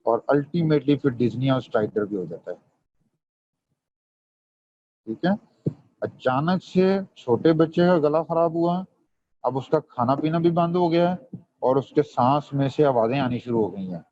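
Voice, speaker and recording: This online medical revision lecturer has a mid-range, expressive voice with a dark tone and moderate pace. He quizzes students, switching between Hindi and English terms, and the recording is dull, dry and lo-fi.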